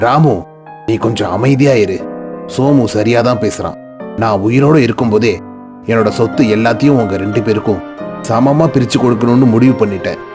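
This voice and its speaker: A man voicing a gentle, fair old father. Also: mid-range voice, brisk, close to an everyday voice. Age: older. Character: kind, fair-minded elderly father. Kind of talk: cartoon voice acting. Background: background music.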